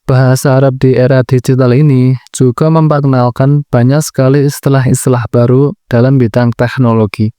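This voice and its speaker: A man explains his lesson in a patient, steady way, breaking his ideas into short clauses. His voice is mellow and smooth. The recording is close and dry. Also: mid-range voice, moderate pace, no room sound. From Central Java, Indonesia. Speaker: Arabic language teacher. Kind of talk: educational lesson.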